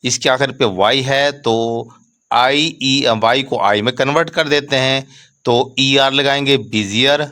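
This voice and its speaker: Male grammar teacher, unhurried lecture delivery, crisp bright tone. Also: mid-range voice, fairly even intonation. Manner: slow, deliberate, spells out letters and reads English rules word by word.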